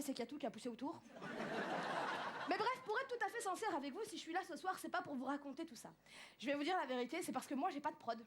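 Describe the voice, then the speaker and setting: Woman stand-up comic, very high voice, chatty self-mocking storyteller, noisy live club sound. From France, of Tunisian parents. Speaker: stand-up comedian. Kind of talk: stand-up comedy set. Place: small comedy club, live audience.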